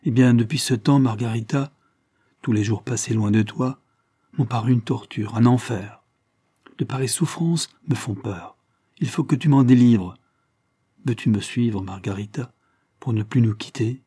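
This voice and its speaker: Guy reading as passionate young guerrilla chief, pleading hard, mellow husky voice. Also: medium pitch, normal speed, dry recording, clean studio sound, lightly acted. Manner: impassioned, pleading. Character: young male guerrilla leader, ardent and anguished. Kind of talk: audiobook character reading.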